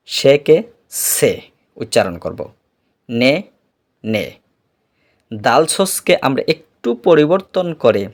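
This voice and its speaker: A man teaching a language lesson, step by step and deliberately, repeating each word so learners can drill it. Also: mid-range voice.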